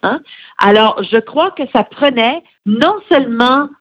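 Her voice sits a little high and animated, moving a little slowly, as this middle-aged guest on a radio show, who leads a francophone federation, earnestly explains things and hesitates often. The sound is slightly muffled and dry.

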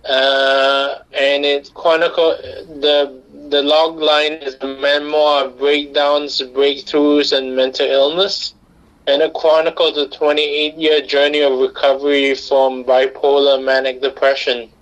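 A man's voice: a little high, flat delivery, measured pace, a bit bright, dull audio. A middle-aged man from Singapore, a director and writer, giving long, earnest answers with frequent restarts in a radio interview. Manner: earnest, talks at length with many restarts.

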